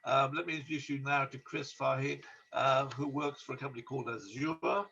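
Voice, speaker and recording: A man hosts an online talk in a gravelly voice with a forceful, bright edge. He handles introductions informally, and the sound is slightly lo-fi. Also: medium pitch, steady tone, brisk, a little hiss or hum. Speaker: host. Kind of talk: informal webinar hosting. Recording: dull, lo-fi online call.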